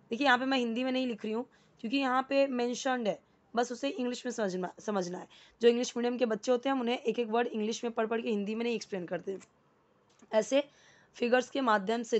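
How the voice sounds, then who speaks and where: A woman with a fairly high voice gives a relaxed, patient lesson. She repeats key words and keeps checking in with her listener. The audio is dull and lo-fi. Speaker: English teacher. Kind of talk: casual Hindi explanatory lesson.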